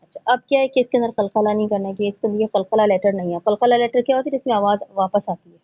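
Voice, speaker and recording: A woman's voice: mid-range voice, lo-fi sound. A woman teaching Quran recitation in a patient, step-by-step way, mixing in English words. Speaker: tajweed teacher. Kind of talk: online Quran recitation lesson.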